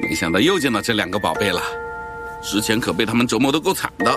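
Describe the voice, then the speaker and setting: A man playing an excitable, bossy yet hapless everyman in an animated cartoon. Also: lowish voice, fast talker, close to an everyday voice. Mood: flustered. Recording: loud music over the voice.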